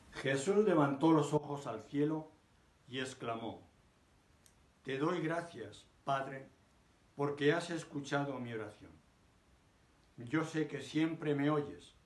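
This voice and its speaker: An older man reading scripture aloud from a book in a living room, measured and emphatic. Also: medium pitch, reverberant. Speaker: scripture reader. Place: living room, seated on a sofa.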